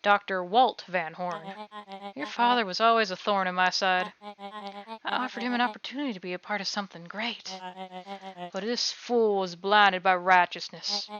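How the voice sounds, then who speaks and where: A smug, youthful-bodied villain scientist from a video game, voiced by a woman, with a bright, crisp edge. The monologue is condescending and measured, lingering on key words, over music. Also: mid-range voice, close to an everyday voice. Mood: gloating, cold. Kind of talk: game dialogue read aloud. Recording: dull, lo-fi mic under game music.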